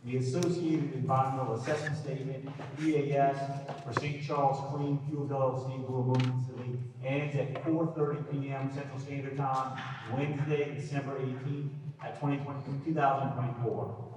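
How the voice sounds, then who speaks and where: A man's voice: mid-range voice, little pitch movement, fairly quick. Man in an echoey hearing-room recording. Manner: reads boilerplate, stumbles over words. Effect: public hearing room recording. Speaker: hearing officer. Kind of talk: formal procedural announcements. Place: large public hearing room. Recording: echoey hall recording from far off, background noise.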